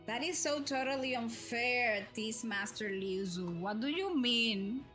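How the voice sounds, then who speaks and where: A woman hosts a livestream, her voice fairly high, a bit bright, animated and a little slow. She thinks aloud while playing a game, rambling in a casual, chatty way. Background music plays.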